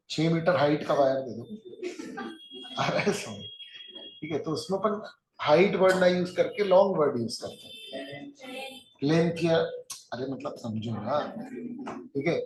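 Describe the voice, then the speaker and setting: A man's voice: a little high, a little hiss or hum. Male teacher in an echoey classroom. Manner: conversational, checks understanding often. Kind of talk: classroom lecture. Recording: echoey room.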